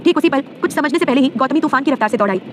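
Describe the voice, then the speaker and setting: Fast, high-voiced woman storyteller. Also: lively intonation, slight background noise. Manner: rapid, emphatic storytelling. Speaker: narrator. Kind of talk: dramatic audio story narration. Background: background music.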